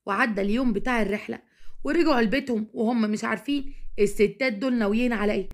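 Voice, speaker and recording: A woman with an Egyptian accent narrating a comic family story in a brisk storytelling manner. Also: fairly high pitch. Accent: Egyptian Arabic.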